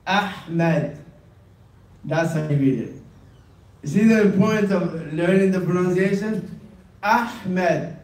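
A man teaching an Arabic class, drilling each word slowly and repeating it many times. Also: high voice, a little mellow, a little hiss or hum. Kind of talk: classroom lesson. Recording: echoey classroom from far off.

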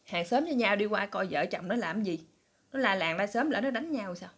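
A woman voicing a curious, excitable husband who gossips about the neighbors. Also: medium pitch, a little fast, slightly rough. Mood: worked up. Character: curious nosy husband, middle-aged man.

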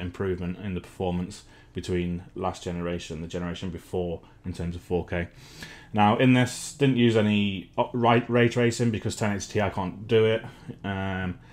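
A man doing a casual benchmark review as a tech channel host, hesitant and full of ums and restarts. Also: low voice.

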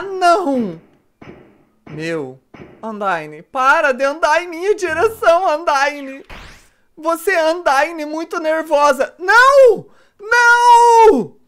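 A man doing let's play commentary, excitable, yelping and shrieking in panic as he plays. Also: very high-pitched. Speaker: gamer.

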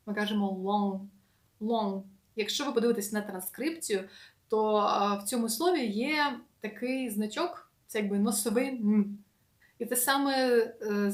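A woman teaching an English lesson in a casual, patient way, slowly repeating words with many fillers. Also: on the high side, reverberant.

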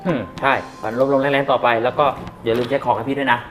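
A man's voice: medium pitch, level tone, fast talker, a bit bright, soft background music, natural voice. A man playing a gossipy middle-aged warehouse worker. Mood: chatty. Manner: chatty, gossiping.

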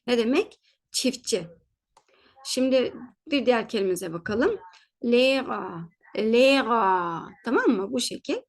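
Teaching German pronunciation with patience, a woman says every word slowly, frequently checks that the learner is following, and corrects her own mistakes as they happen. Her voice is a little high and slightly rough, with big swings in pitch.

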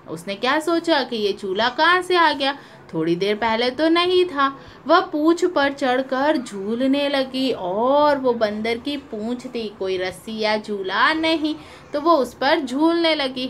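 Woman teacher for young kids, slightly high voice, very slow, repeats and quizzes, faint hum behind. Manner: repeats and asks questions to young pupils. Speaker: primary school teacher. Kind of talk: children's lesson, story reading.

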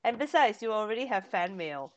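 A woman's voice: medium pitch, sing-song, a little fast. Rambling woman vlogger, lo-fi sound. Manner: rambling show-and-tell with many fillers. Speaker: vlog co-host. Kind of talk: casual chat.

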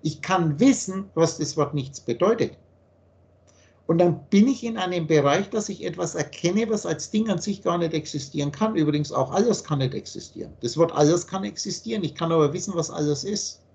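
A man giving an earnest philosophical teaching monologue on a video call, slowing down to stress key points. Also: on the high side, gravelly, darkish tone. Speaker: spiritual teacher.

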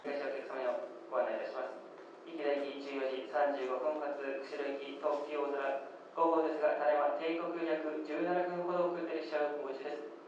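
A man's voice: a little high, noisy background. A man working as a railway station attendant, making announcements in very polite, formal honorific Japanese speech. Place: train station, heard from the platform and waiting room. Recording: echoey station PA, far off, muffled.

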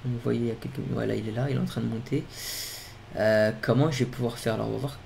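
Young man, excitable gameplay commentary, medium pitch, faint game sounds behind. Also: quick pace, creaky, slight background noise. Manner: excitable, talks straight to viewers. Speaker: gaming YouTuber.

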